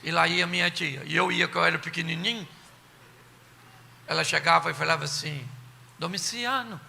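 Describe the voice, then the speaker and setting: A man with a Brazilian accent preaching a humorous sermon, animated and playful, sometimes shouting. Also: on the high side, fairly quick, gravelly, slight background noise. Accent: Brazilian Portuguese. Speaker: pastor. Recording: long reverb of a church hall.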